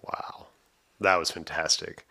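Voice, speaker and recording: Deep-voiced, bright-toned male podcast host. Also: fairly even intonation, slow. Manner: enthusiastic and loose, swears casually. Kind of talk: casual podcast chat.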